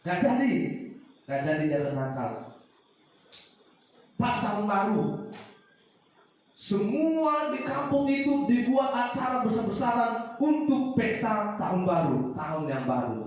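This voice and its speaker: Animated male storyteller, echoey and distant. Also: sits high, a little slow, pauses often. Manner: animated, repetitive. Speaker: storyteller for children. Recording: echoey room from far off, faint noise.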